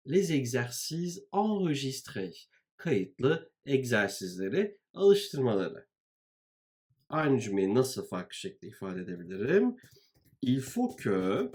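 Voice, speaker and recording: Man, teacher, grammar walkthrough, unhurried, repeats phrases, lively intonation. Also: mid-range voice. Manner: slow, deliberate, repeats phrases. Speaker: French teacher.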